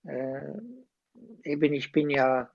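A man, a former priest speaking as a guest, slow and hesitant but impassioned. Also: medium pitch, level tone, creaky, no room sound, lo-fi sound. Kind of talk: conversational interview.

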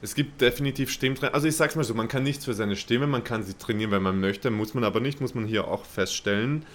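A man's voice: mid-range voice, quick pace. A man hosting a podcast in casual chat, teasing his guest with laid-back banter. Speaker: podcast host. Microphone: own microphone.

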